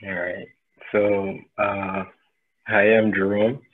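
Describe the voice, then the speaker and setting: A man's voice: on the low side, level tone, takes it slowly. A man from Barbados introducing himself as an energy healer on a video call, hesitant with many fillers and restarts. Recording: tinny phone-like line.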